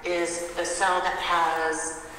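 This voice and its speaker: Reassuring low-pitched woman in echoey space. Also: little pitch movement, takes it slowly, bright, forceful tone. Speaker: guide giving directions. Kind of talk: casual chat, reassuring directions. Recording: echoey with faint noise.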